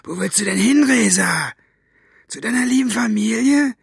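Man putting on a gloating henchman, high sneering voice, gravelly edge, dry close sound. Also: expressive, moderate pace, no room sound, full character voice. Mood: gloating menace. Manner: gloating, taunting. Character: sneering brutal male henchman, mocking.

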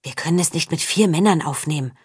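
A woman voicing an anxious, wry young man in a storybook reading, in a husky, lowish voice. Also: quick pace, a little mellow, no room sound, studio quality. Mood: nervous.

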